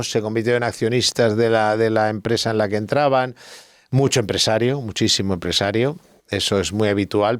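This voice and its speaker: A middle-aged man of medium pitch appears as a guest expert on a casual podcast, explaining at length, telling anecdotes and thinking aloud. The sound is studio quality with no room sound.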